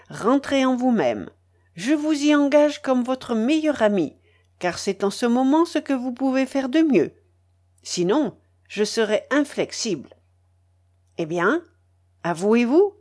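A woman voicing a pompous middle-aged businessman who lectures in a smug, falsely gentle way. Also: fairly high pitch, sing-song, takes it slowly, long pauses, heavily acted. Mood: lecturing.

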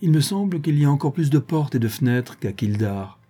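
Narrator doing a pouty rich young guy, pushy, dark husky tone. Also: medium pitch, animated, brisk, voice pushed up. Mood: coaxing. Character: spoiled, evasive young aristocratic suitor.

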